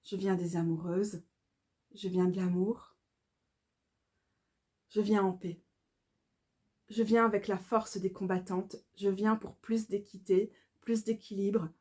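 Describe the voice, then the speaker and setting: A woman, calmly reading her own devotional poetry aloud in a measured, incantatory way. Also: medium pitch. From Belgium. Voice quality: calm, measured, incantatory delivery.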